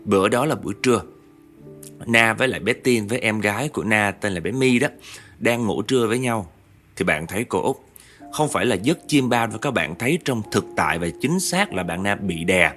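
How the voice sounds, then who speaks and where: A man tells a ghost story in a chatty, conversational way, often speaking straight to his listeners. His voice sits on the low side, and faint music plays beneath the narration. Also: animated, a little fast, fairly bright tone. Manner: chatty, addresses listeners directly.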